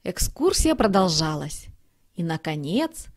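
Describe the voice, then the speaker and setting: A woman reading a children's story aloud in a slow, expressive way. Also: fairly low pitch.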